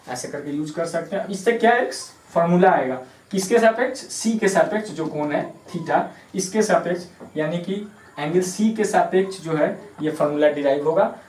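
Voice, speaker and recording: A fairly high-voiced man teaches a maths class, patient and repetitive, spelling terms out letter by letter. His voice comes from some distance away, bouncing around a hard-walled room with a faint hum of ambience. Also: darkish tone, reverberant. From Bihar, India. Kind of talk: classroom lesson explaining at a board.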